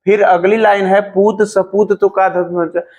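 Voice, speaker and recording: A man teaching a grammar lesson, asking and answering his own questions, calling students "beta" and reciting verse lines slowly. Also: high-pitched, level tone, a little mellow, highs cut off. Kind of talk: classroom-style grammar lesson.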